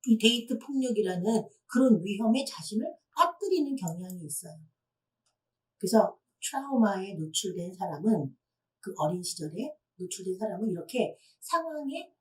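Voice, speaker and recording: A woman's voice: on the high side, a little mellow. A woman lecturer addressing teenagers, explaining step by step and putting questions to her audience. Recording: voice from a distant mic.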